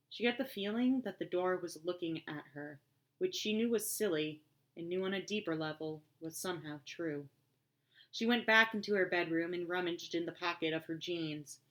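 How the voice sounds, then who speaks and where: Measured, storytelling woman narrator. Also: lowish voice, a bit bright. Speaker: audiobook reader. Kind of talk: scripted narration.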